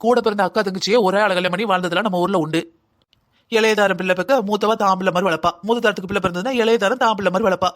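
A man's voice: high-pitched, steady tone, rapid-fire, a bit bright. A man doing a pushy mother-in-law. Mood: scolding. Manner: scolding, emotional pleading. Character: bossy middle-aged mother-in-law, pushy and emotional. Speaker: voice actor. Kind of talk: cartoon drama dubbing.

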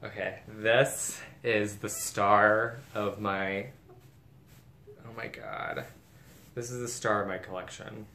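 A man's voice: fairly low pitch, flat delivery, slow pace, hardly any pauses, bright, forceful tone. A man chatting casually as a vlogger, gushing and chatty as he shows off bags. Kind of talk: casual unboxing chat. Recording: echoey room with faint background noise.

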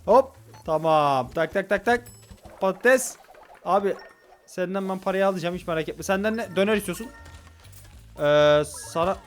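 A man giving hurried, excitable commentary while playing a restaurant game, talking to customers on screen. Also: high-pitched, faint music behind. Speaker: gaming YouTuber. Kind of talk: casual gameplay commentary.

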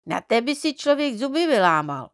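A woman voicing a boastful, careless little boy mite from a storybook, raising her voice into a cocky, excitable tone. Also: on the high side, no room sound, clean studio sound, voice pushed up.

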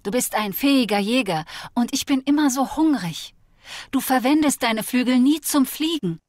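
A woman's voice: sits high, no echo, clean studio sound, pitched above the performer's own voice. A woman voicing a vain pleading rattlesnake. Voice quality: slow, rough hissing voice. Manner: pleading, flattering, then bitter. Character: vain, lonely, spiteful female rattlesnake. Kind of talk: fable reading in a video game.

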